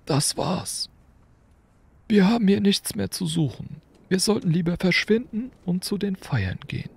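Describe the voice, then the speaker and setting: A man voicing an elderly, calm and wry headmaster wizard, with a measured, gently dry delivery. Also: high voice, vocal fry, husky, dry recording, pitched above the performer's own voice, exaggerated voice. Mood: solemn.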